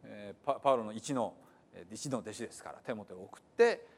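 A man preaching a sermon as pastor, explaining scripture with many pauses and fillers and then stressing key points with emphasis. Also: on the low side, animated, husky. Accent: Hiroshima dialect in the reading. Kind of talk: sermon with scripture reading in dialect.

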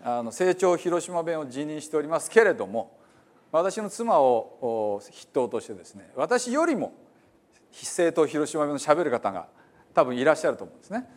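A man's voice: fairly high pitch, very animated, moderate pace. Middle-aged guy preaching w/ hiroshima accent, joking around, lots of um and uh, voice bounces up and down a lot. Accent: Hiroshima Japanese. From Hiroshima, Japan. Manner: chatty, self-deprecating, frequent fillers. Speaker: pastor. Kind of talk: sermon introduction.

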